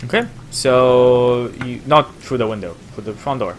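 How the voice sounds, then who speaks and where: A man narrating a tabletop game as game master, in a halting, improvised way. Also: mid-range voice. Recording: faint background noise.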